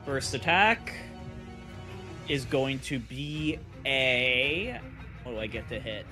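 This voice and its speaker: A man's voice: medium pitch, lively intonation, slow. A man talking casually as a player in a tabletop game session, thinking aloud as he works out rules and dice. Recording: music playing behind the voice.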